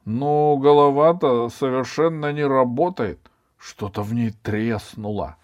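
A man reading a storybook, voicing a lazy, dramatic schoolboy in a high, whiny voice. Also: a little slow, dry recording, close to an everyday voice. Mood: sly. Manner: whiny, high-pitched, theatrical wailing.

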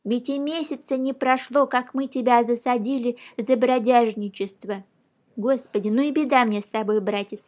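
Woman playing a scolding old judge, high voice, loud exclamations, storybook reading. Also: fairly even intonation, normal speed, lightly acted.

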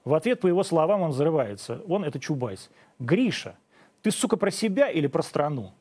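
A man's voice: a little high, very animated, fairly quick, a little mellow, husky. A man in his forties hosting, delivering a sarcastic opinion monologue and then questioning a guest pointedly. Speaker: host.

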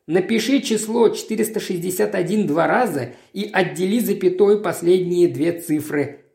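A woman reading the lines of an earnest man, a writer, speaking in a calm, explanatory way. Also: lowish voice, normal speed, creaky. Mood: chatty. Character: earnest male writer, compassionate then angry. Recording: roomy echo.

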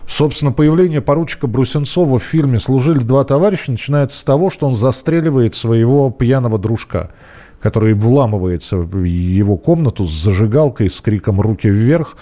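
A man's voice: medium pitch, animated, a little fast, mellow. A male radio host talking in a conversational, musing way with many fillers, taking calls and reading messages. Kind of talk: call-in radio talk.

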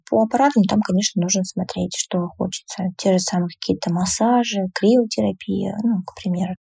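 A woman cosmetologist giving measured, explanatory answers in an interview, now and then hesitating. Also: mid-range voice, vocal fry, dark tone, slightly rough. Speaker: cosmetologist-dermatologist.

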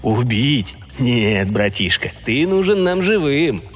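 Brief: male narrator as a slick, coaxing filmmaker; long reverb, soft music bed. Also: mid-range voice, big pitch swings, slow pace. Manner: coaxing, theatrical, commanding. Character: smooth-talking scheming young male filmmaker.

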